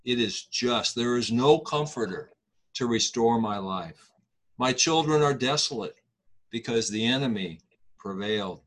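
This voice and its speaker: A middle-aged man leading a Bible study, explaining a passage slowly with many fillers and restarts. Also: medium pitch, animated, poor audio.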